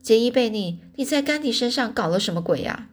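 A woman voicing a little farm girl who shouts in alarm and tattles on her brother. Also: fairly high pitch, animated, quick pace, pitched above the performer's own voice. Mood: alarmed shouting.

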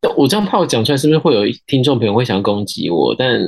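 A woman's voice: extremely low pitch, very animated, very fast, darkish tone, slightly rough. A woman with a Taiwanese accent co-hosting a casual podcast, chatting in a joking manner. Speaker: podcast co-host.

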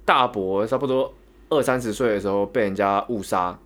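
A man's voice: fairly low pitch, moderate pace. A young man with a Taiwanese Mandarin accent, casually telling a long story on a podcast, rambling and repeating words as he goes. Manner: rambling, repeats words, animated when retelling. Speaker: podcast co-host.

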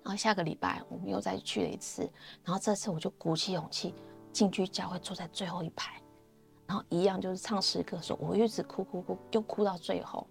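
A woman's voice: medium pitch, steady tone, fast, vocal fry, faint music behind. A woman with a Taiwanese Mandarin accent sharing her personal faith testimony in a chatty, storytelling way, often trailing off with fillers.

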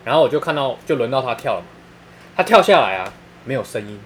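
A man's voice: medium pitch, very animated, quick pace, a bit bright, a little hiss or hum. A man with a Taiwanese Mandarin accent telling funny stories in casual chat, laughing often and using crude slang.

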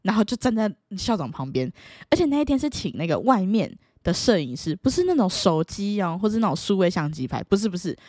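Young woman, chatty vlog storyteller with a very lively pitch, dry close sound. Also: brisk, no room sound. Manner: animated, playful, bursts into high excited exclamations. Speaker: vlogger. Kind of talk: casual storytelling to camera.

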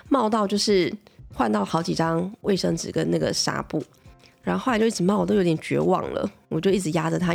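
A Taiwanese-accented mother in her thirties talks casually and animatedly, often turning to her listeners for agreement. Her voice sits low and carries a gravelly fry. Soft music plays faintly behind her. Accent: Taiwanese Mandarin. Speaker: pediatrician. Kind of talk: casual storytelling to viewers.

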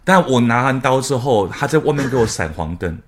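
A man's voice: mid-range voice, animated, brisk. A young man, telling a personal story in casual podcast chat and laughing through the tense parts. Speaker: podcast co-host.

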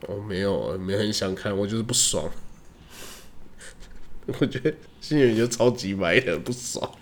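A young man, co-hosting a podcast in relaxed, teasing casual chat. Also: fairly low pitch, a little slow, slight background noise. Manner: teasing, laid-back, laughs often. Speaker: podcast co-host.

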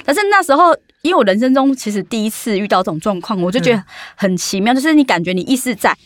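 Fast-talking Taiwanese woman storyteller. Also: a little high, no room sound, clean studio sound. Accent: Taiwanese Mandarin. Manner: animated, vivid storyteller. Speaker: podcast co-host. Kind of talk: casual storytelling chat.

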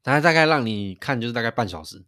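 Man, podcast co-host, rapid, animated storytelling, dry close mic. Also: mid-range voice, dry recording. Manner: animated storytelling with frequent restarts. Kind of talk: casual chat.

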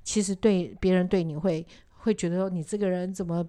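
A woman's voice: fairly low pitch, steady tone, brisk, mellow. A woman hosting a casual talk show, telling a counseling story and acting out what people said, with many fillers. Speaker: podcast host and counselor.

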